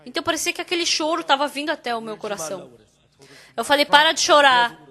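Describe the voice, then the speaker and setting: High bright woman interpreting a sermon. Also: quick pace. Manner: storytelling, emphatic and animated when quoting. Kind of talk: interpreting a sermon in first person.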